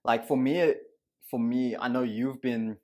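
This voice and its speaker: A man's voice: mid-range voice, steady tone, measured pace, darkish tone. Young man, podcast co-host, earnest and meandering. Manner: earnest, rambling with restarts. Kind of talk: casual chat.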